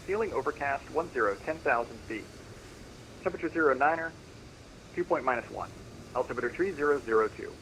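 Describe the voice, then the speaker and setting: A man's voice heard as an automated airport weather broadcast over the radio, reading information in rapid, clipped, rote phrasing. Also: medium pitch, a bit bright, a little hiss or hum, poor audio. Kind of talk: recorded information readout.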